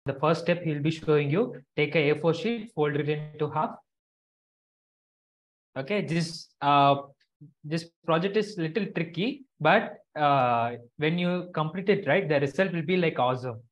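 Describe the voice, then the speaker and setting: An unhurried, medium-pitched teacher runs an online craft class for kids, breaking it into steps, repeating directions, and confirming they follow. It's a live instructional lesson heard through dull, lo-fi video call audio.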